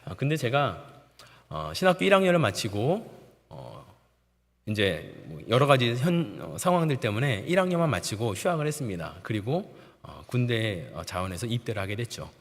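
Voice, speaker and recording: A middle-aged male pastor preaching a sermon, telling a story and acting out quoted voices with sudden shouts and laughter. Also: medium pitch, very animated, moderate pace, creaky. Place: church sanctuary. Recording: long reverb of a church sanctuary.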